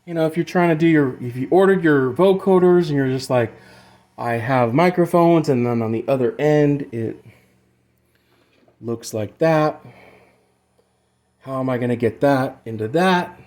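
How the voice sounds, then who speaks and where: An amateur music gear demonstrator, a man with a mid-range voice and a darkish tone, gives a casual hands-on tutorial. He speaks a little slowly with long pauses, rambling and loosely explaining as he goes, and swears now and then.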